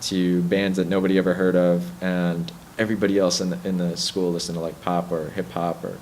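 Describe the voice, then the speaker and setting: Young male musician guest, very low voice, relaxed and reflective, faint background hiss. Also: brisk, low-quality recording. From Bronx, New York. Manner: relaxed, reflective storytelling with hesitant restarts. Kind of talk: casual interview chat.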